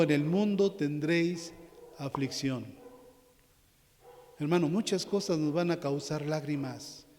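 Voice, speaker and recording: A man preaches a sermon in a church, his voice sitting a little high for a man. He speaks to the congregation as brothers and climbs in pitch and force as he drives each point home. A long reverb hangs on his words. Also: darkish tone. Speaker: pastor. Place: church sanctuary.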